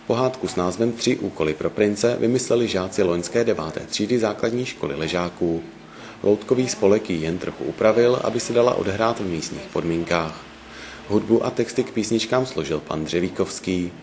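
A man's voice: fairly low pitch, darkish tone, a little hiss or hum. A man reading scripted narration as a local news reporter.

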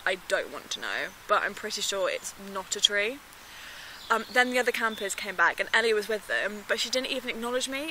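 A woman's voice: a little high, sharp tone, slight background noise, rough recording. A woman in her twenties acting an anxious, determined sister confiding in a found-footage video diary. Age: 20s. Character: worried determined young woman searching for missing sister. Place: small room, then outdoors in bare woodland. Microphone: handheld camera at arm's length.

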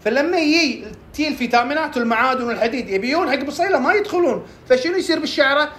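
Woman, fast talker, fairly high voice, health tips, asks and answers herself, faint background hum. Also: lively intonation, a bit bright. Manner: quick, asks and answers her own questions. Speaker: herbal health presenter. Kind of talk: casual health tips talk.

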